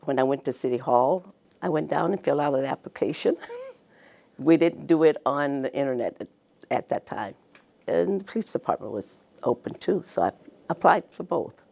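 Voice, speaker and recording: An older woman, a retired police officer, telling her story briskly in a documentary interview. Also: low-pitched, animated, gravelly, a little mellow.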